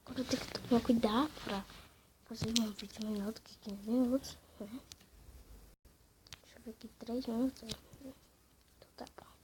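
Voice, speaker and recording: A woman's voice: fairly high pitch, steady tone, brisk, long pauses, background noise. A woman with a Brazilian accent whispering casual gameplay commentary at home at night while her family sleeps. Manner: whispering throughout, hushed and casual. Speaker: gaming channel host.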